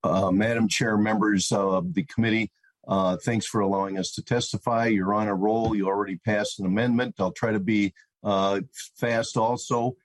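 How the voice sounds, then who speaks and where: A man's voice: lowish voice, steady tone, normal speed, dry recording, low-quality recording. An American man giving formal public testimony as a mayor over a remote meeting call.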